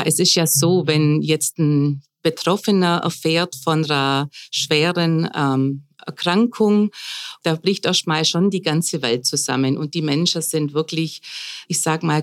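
A woman in her fifties, a palliative care coordinator, explaining her work at length in a conversational podcast interview, with fillers and pauses. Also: lowish voice. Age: 50s.

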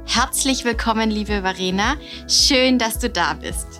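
Calm woman hosting a podcast. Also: a little high, faint music behind. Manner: calm, measured questioning. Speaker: podcast host and education officer at a hospice academy. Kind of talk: structured podcast interview.

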